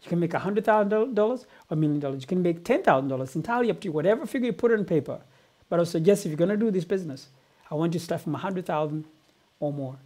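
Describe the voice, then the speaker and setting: A man's voice: high voice, expressive, racing, mellow. A middle-aged man from Uganda giving a motivational business talk, telling his life story earnestly and often repeating words. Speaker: business coach.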